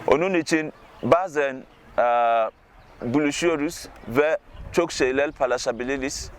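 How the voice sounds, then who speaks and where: Young Ghanaian man, halting learner's Turkish delivery. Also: medium pitch. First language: not Turkish. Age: young adult. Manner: halting, learner's speech with searching pauses. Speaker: international university student. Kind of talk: informal testimonial to camera.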